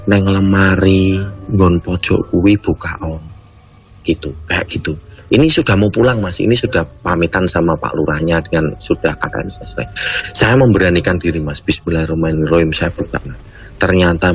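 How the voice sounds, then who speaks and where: A man's voice: deep voice, brisk, gravelly. A man calling in to a radio show, rambling through a ghost story and often addressing the host as "Mas". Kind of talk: casual storytelling on a radio call.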